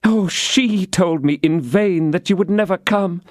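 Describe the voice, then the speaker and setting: A woman's voice: fairly low pitch, a little slow, a little mellow, no echo, clean studio sound, pitched above the performer's own voice, lightly acted. A man voicing Constance, a frail, frightened young woman who is dying, in an audiobook reading. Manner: breathless, pleading.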